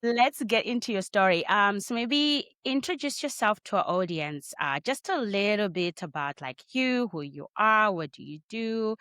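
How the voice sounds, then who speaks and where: A woman's voice: mid-range voice, lively intonation, normal speed, few pauses, a bit bright, dry recording, clean studio sound. A woman hosting a podcast, chatting casually and upbeat with her guest and laughing often. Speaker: podcast host. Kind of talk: casual interview chat.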